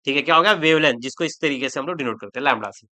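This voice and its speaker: In an online exam-prep chemistry lecture, a man with a mid-range, sharp voice races along. He's chatty, joking with students and repeating words for emphasis.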